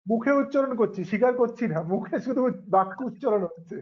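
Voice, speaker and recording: A man with a Bengali accent posing thoughtful questions in a philosophical discussion, pausing with hesitant fillers. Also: extremely high pitch. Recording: dull lo-fi recording.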